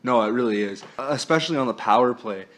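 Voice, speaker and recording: A man's voice: medium pitch, fast talker, a bit bright. A man hosting a casual sports talk podcast, chatty and easygoing, laughing often and using plenty of fillers. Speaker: podcast host.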